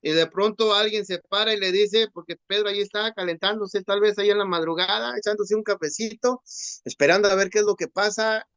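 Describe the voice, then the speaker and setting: Preacher, male, storytelling sermon, slightly high voice, dull dry lo-fi recording. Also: steady tone, fairly quick, a bit bright, clean tone, no echo. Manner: storytelling, acts out dialogue, asks listeners "¿verdad?". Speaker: youth preacher.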